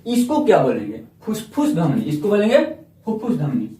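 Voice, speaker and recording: A man's voice: on the high side, wildly swooping pitch, brisk, mellow. A man teaching a biology lesson, repeating each term and quizzing the listener as he goes. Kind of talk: classroom lesson. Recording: echoey room, voice from far off.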